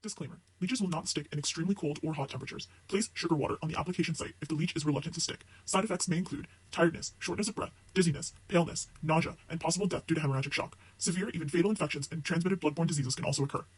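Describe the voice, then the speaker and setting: Man as breakneck, husky pharmaceutical ad disclaimer announcer. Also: fairly high pitch, racing, few pauses, rough recording. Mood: brisk warning. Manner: matter-of-fact, rattling off lists. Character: brisk male drug-commercial disclaimer announcer listing dangers. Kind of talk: pharmaceutical ad disclaimer, rapid scripted read.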